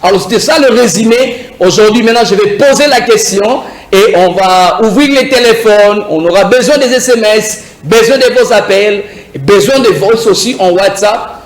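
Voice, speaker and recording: A man teaching English to beginners on a TV show, drilling words slowly and cheering his students on. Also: sits high, echoey room, rough recording. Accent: French-speaking African. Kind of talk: beginner English lesson on TV with phone-ins.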